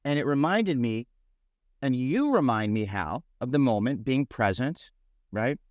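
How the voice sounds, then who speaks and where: A middle-aged man hosting a podcast, telling a personal story in a rambling, animated way with many restarts. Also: mid-range voice, measured pace, no room sound, highs cut off. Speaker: podcast host. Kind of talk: casual conversation.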